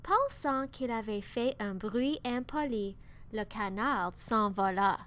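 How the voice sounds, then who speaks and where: A woman reading a children's picture book aloud in a slow, careful, expressive way. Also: on the high side. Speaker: storybook reader.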